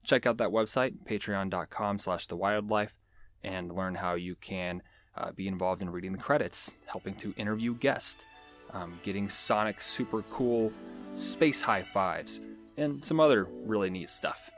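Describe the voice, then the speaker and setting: Joking low-voiced nature show host man. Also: moderate pace, a bit bright, faint music behind. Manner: joking, chatty, digressive asides. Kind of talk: casual educational podcast talk.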